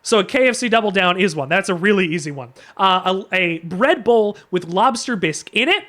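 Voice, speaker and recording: A man's voice: high voice, expressive, brisk, a bit bright. A man streaming live, ranting jokingly like a mock lecturer, with many stumbles and restarts. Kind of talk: casual chat.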